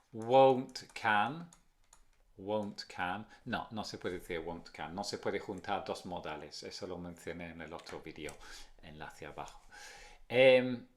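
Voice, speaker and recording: A man who speaks English natively, giving a casual video lesson in Spanish, chatty, and switching to English to model pronunciation slowly. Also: fairly low pitch. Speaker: English teacher.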